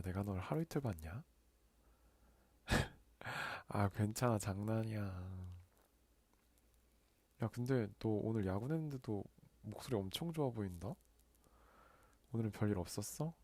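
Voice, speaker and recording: A young man in a soft whispered role-play, playing a male friend who teases and comforts her on a late-night phone call. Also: fairly low pitch, no room sound. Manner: playful teasing banter, soft and close. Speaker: ASMR creator.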